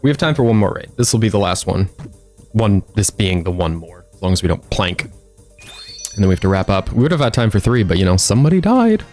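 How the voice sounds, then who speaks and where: A man's voice: deep voice, fairly quick, a little mellow, soft background music. A man streaming a video game, chatting casually and joking as he plays. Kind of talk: casual gameplay commentary.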